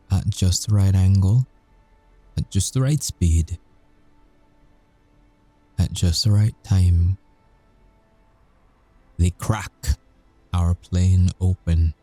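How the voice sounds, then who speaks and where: Playing a weary werewolf ex-agent making a confession in an intimate audio roleplay, a man speaks haltingly and pauses on purpose. His voice is low and mellow, with no room sound.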